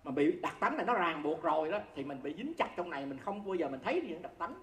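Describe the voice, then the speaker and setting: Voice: medium pitch, big pitch swings, fast talker, fairly bright tone. A Buddhist teacher gives a conversational dharma talk to an audience, often asking listeners whether they see the point and chuckling while explaining. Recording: roomy echo with faint background noise.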